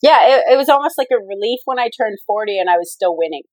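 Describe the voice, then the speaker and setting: A woman's voice: medium pitch, expressive, fast talker, a little mellow, no room sound, low-quality recording. A woman in her forties, a professional athlete and coach, talking casually in an interview, rambling with many fillers and restarts. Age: 40s.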